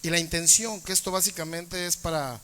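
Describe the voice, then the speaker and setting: Conversational church panel moderator. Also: male voice, on the high side, fairly even intonation, fairly quick, pushed and bright, big-room sound. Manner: conversational, asks tag questions.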